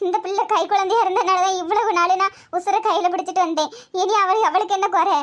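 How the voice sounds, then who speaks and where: A woman talks fast with fairly even intonation, voicing a middle-aged wife and mother in a comedy cartoon who scolds in anguish. The character's Tirunelveli Tamil accent is shrill and wailing, and the recording sounds muffled.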